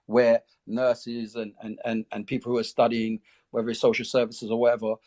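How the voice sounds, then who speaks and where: A man's voice: mid-range voice, completely flat delivery, normal speed, a little mellow. A man talking casually in an interview, explaining the project he founded. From came to the UK as a child refugee.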